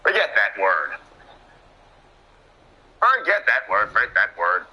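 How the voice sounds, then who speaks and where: An excitable man calling a wrestling match play by play, tripping over words and joking at his own expense. His voice is sharply bright and swoops widely in pitch, though he takes his time between bursts. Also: slow pace, breathy edge, low-quality recording. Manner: excitable, trips over words and laughs at himself. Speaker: wrestling commentator.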